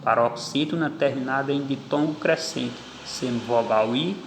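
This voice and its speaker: A man's voice: medium pitch, slight background noise. A man teaching a grammar lesson, explaining step by step and counting out syllables one by one. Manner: slow, deliberate, spells out syllables. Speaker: Portuguese teacher. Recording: echoey room with long reverb.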